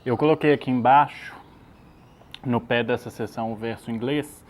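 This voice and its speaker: A man's voice: medium pitch, steady tone, moderate pace, low-quality recording. A man teaching an English lesson, explaining patiently and checking that his student follows.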